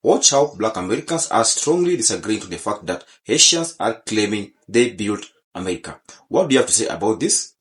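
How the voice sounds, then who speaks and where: Low-voiced host narrating with lively pitch. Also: male voice, fairly quick. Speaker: channel host. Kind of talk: scripted video narration.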